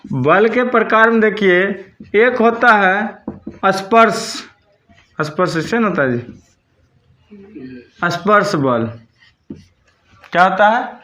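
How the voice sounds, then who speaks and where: A man's voice: high voice, lively intonation, slow, long pauses, bright, forceful tone. A man teaching a school physics lesson, dictating notes and repeating key terms back as questions for his students.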